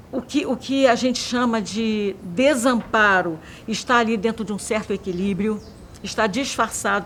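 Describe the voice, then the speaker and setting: A woman with a somewhat high voice speaks as a doctor in a documentary interview. She explains patiently, pausing and searching for words, and she uses vivid comparisons. A faint noise sits under the recording. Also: fairly bright tone. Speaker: doctor interviewed on mental health.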